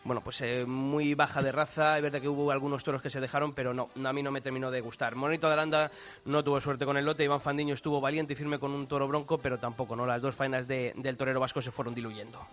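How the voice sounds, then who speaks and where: A man giving brisk, knowledgeable bullfighting commentary on the radio. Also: mid-range voice, flat delivery, a bit bright.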